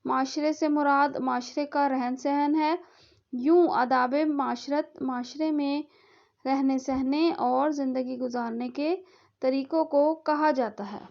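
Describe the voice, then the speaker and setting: Slow, high-voiced woman tutor. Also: fairly even intonation, creaky. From Pakistan. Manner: slow, careful word-by-word pronunciation drill. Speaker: online Urdu tutor. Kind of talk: reading vocabulary lists aloud for a class. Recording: dull lo-fi recording.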